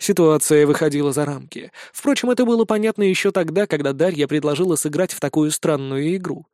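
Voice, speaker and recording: A man reading a fantasy novel aloud with steady, dramatic narration. His voice sits fairly high, and it is recorded close and dry with no room sound. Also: brisk, no echo. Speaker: audiobook narrator. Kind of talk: scripted narration.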